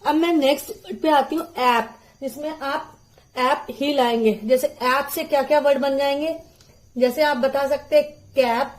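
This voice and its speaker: Woman, phonics teacher, high voice, slow delivery, drawn-out syllables. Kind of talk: phonics lesson for parents and teachers.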